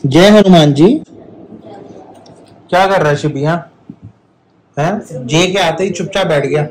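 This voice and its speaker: A woman's voice: deep voice, measured pace, a little mellow, a little hiss or hum, low-quality recording. A woman narrating a casual family vlog, chatting about pets and coaxing a toddler to repeat words. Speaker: vlogger, grandmother.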